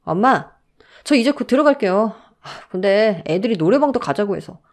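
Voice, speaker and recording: A woman voicing a polite, gentle young man who adores his mother. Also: mid-range voice, expressive, moderate pace, lightly acted. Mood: light.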